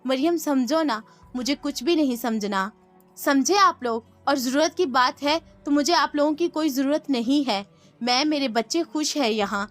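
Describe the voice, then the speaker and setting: A woman's voice: sits high, soft background music, lightly acted. A woman voicing a hurt young mother who speaks coldly and accusingly, read out in a storybook. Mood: bitter. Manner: cold and accusing.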